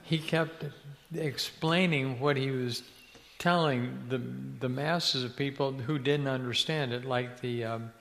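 A man's voice: mid-range voice, unhurried, a bit bright. Older man telling stories in a reverberant hall. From Ecuador. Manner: rambling, searches for words with many restarts. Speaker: guest, missionary's son. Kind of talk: storytelling in a faith interview.

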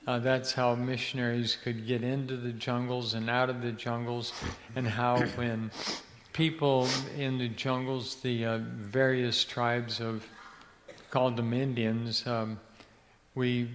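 A man's voice: mid-range voice, little pitch movement, measured pace, a little hiss or hum. An older man from Ecuador tells a long story as an interview guest, wandering and searching for his words. His voice sits in a mid range. A long hall reverb trails every phrase. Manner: rambling, searches for words with many restarts. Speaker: guest, missionary's son.

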